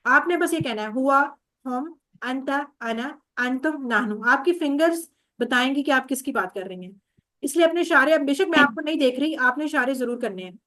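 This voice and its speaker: A woman's voice: high voice, moderate pace, a bit bright. A woman teaching an online Arabic class, patiently repeating each word over a video call.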